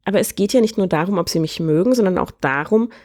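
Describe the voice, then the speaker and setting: A woman's voice: medium pitch, expressive, fast talker, dark tone, natural voice. A woman voicing a young princess in a storybook reading, with an earnest, determined manner. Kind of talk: storybook character voice.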